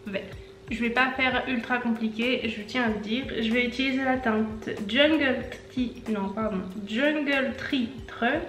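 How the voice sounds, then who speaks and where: A woman in her twenties, a beauty vlogger talking through a makeup tutorial in a chatty way, with rambling asides and quick self-corrections. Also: a little high. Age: 20s. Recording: echoey room, faint background music.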